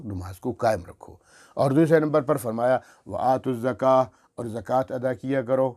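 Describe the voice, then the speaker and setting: A male Quran teacher giving an earnest religious lesson, reciting prayer phrases slowly and deliberately as examples and correcting rushed recitation. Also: medium pitch, warm tone, slightly rough. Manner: earnest, instructive, corrects by demonstrating.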